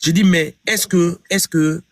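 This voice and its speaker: A man from Guinea, a singer, tells an interviewer about a disagreement over a song, retelling every exchange with emphatic repeats of "j'ai dit". His voice is high-pitched and steady in tone, his pace a little slow, and the recording dry.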